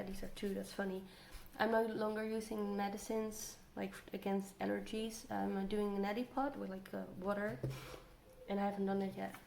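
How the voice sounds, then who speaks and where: A woman reads tarot cards in a casual, musing way, thinking out loud and repeating herself as she works things out. Her voice sits at a middling pitch. The room adds noticeable echo, with audible noise behind her. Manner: musing, thinking aloud, trailing off and repeating phrases. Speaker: tarot card reader. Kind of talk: casual spoken tarot energy reading. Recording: roomy echo, clear background noise.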